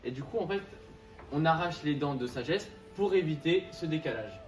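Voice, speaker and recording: A young man giving an informal explanatory presentation, halting and restarting his sentences. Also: on the high side, expressive. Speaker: student presenter. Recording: echoey, distant mic, music behind.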